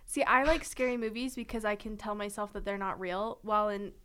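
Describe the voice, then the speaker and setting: A young woman co-hosting a casual podcast chat, telling stories in an animated way with frequent laughter. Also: mid-range voice, fairly quick, clean tone. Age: young adult. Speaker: podcast co-host.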